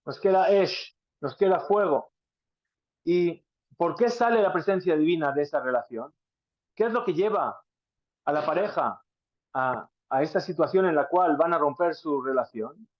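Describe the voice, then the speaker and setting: A man with a fairly high voice teaches a Talmud class, often posing rhetorical questions and glossing Hebrew words. The sound is dry and somewhat dull and lo-fi, close with no room. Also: dry recording. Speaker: Torah teacher.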